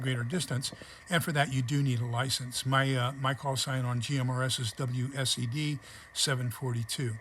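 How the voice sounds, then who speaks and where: A man's voice: medium pitch, fairly bright tone. Man giving practical tips over background noise. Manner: instructional, practical. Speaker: presenter of preparedness tips. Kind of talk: informal explanatory monologue. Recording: clearly noisy background ambience.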